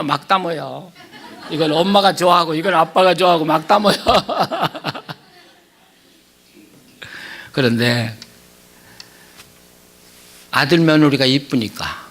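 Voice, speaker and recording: A man's voice: high-pitched, fairly bright tone. An older man preaching at a church revival meeting, telling stories and leading prayer. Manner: storytelling, chuckling, then earnest prayer. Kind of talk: sermon.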